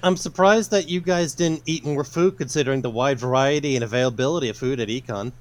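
A man's voice: medium pitch, fast. Hesitant man, dry remarks. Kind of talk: casual chat.

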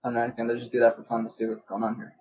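A man's voice: medium pitch, monotone, very fast, a little mellow, breathy edge, low-quality recording. A young man co-hosting a casual podcast chat, laid-back and teasing, with stammering restarts. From Arizona, US. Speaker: podcast co-host.

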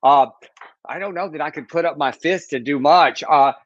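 A man's voice: on the high side, normal speed, a bit bright, no echo. A man co-hosting a casual chat show, campy and sassy, often stumbling over restarts. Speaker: podcast co-host. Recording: dull, dry lo-fi sound.

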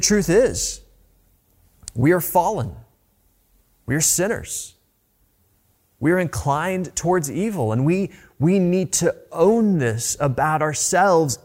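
A man's voice: medium pitch, darkish tone. A man preaching a sermon as a pastor, earnest and conversational, often restarting his phrases.

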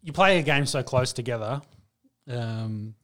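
A man's voice: medium pitch, animated, measured pace, a bit bright. A man chatting casually as co-host of a sports podcast. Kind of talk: casual chat.

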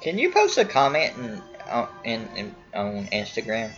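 A man's voice rises and falls with animated swings as he teases his co-hosts in a mock-snooty tone. The sound is dull and lo-fi, with music playing underneath. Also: fairly low pitch, moderate pace. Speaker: podcast co-host. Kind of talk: casual chat.

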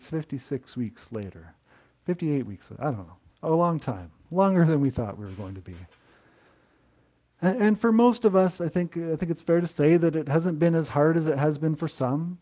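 A middle-aged man preaching a sermon to an online congregation, gentle and conversational, often restarting his phrases. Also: a little high, expressive, normal speed. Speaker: pastor.

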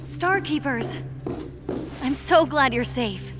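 A woman voicing a proud, caring mentor figure in an animated adventure. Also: sits high, slow, music in the background. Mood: relieved, proud. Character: proud, caring female cartoon mentor, Nova. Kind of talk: animated adventure cartoon acting.

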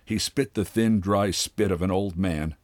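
A man hosting a radio program, reading a literary short story aloud in a measured, unhurried way. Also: deep voice, no echo. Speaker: host reading short stories. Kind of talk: literary read-aloud narration.

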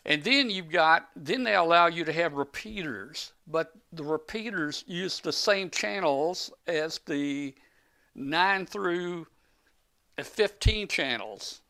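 A guest ham radio operator chats live on the show, sounding out of breath as he rambles through technical explanations with many restarts. His fairly high voice is animated, slow, pushed and bright, with vocal fry.

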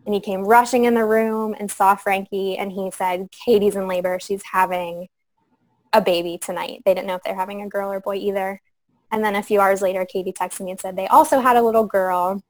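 A young woman guest on a podcast interview, speaking softly and reflectively with frequent pauses and fillers. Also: medium pitch, fairly even intonation, rough recording. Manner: soft, reflective, many fillers. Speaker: guest sharing her story. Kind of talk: conversational interview.

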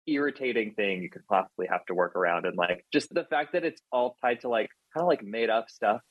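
A man's voice: on the low side, animated, fairly quick, no echo, lo-fi sound. A man guesting on a podcast as a front-end engineer, chatting casually and poking fun at himself with lots of "like". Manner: chatty, self-deprecating, lots of "like".

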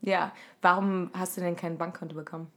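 A woman's voice: fairly low pitch, steady tone, brisk. A woman with a mild head cold co-hosts a podcast, talking informally and mixing in English terms. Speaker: podcast co-host. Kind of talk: casual conversational podcast chat.

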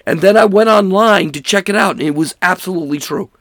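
A man's voice: high-pitched, fast talker, fairly bright tone, no echo, clean studio sound. A man giving angry, emphatic political commentary, hammering points through repetition. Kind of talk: ranting commentary.

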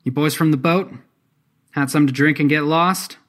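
A man's voice: medium pitch, normal speed, a bit bright, pitched above the performer's own voice, natural voice. A man voicing a tough, swearing woman sheriff who covers her fear with brash bravado. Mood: shouting. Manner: brash, profane bravado over nerves.

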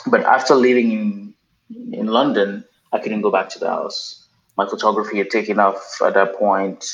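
Speaking in a lowish voice at a moderate pace with flat delivery, this man from Cameroon, in his thirties, gives casual interview answers on a podcast, often saying um and starting over. Faint noise runs under a dull, roomy remote recording.

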